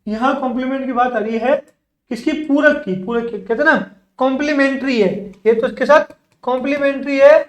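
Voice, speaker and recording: Echoey, patient male language teacher. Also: very high voice. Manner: slow, carefully spaced English example sentences; repeats words and asks the class questions back. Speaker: spoken English teacher. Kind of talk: bilingual classroom lesson.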